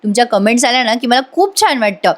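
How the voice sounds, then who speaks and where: A woman with a somewhat high voice narrates an episode recap. She speaks chattily and keeps turning to her viewers. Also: animated, fast talker. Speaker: serial reviewer.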